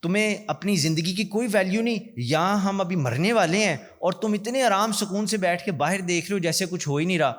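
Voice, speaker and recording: A man's voice: high voice, hardly any pauses, voice pushed up, natural voice. A man quoting a frightened young wife in a story, pleading and alarmed. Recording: long hall reverb.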